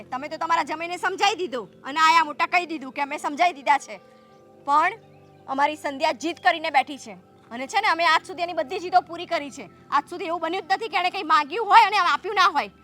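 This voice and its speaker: An actress playing a domineering sister-in-law who scolds and argues sharply in a family drama. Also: female voice, extremely high pitch, a little fast, sharp tone, soft background music. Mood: scolding. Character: domineering, haughty sister-in-law of adult age. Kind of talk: scripted family drama dialogue.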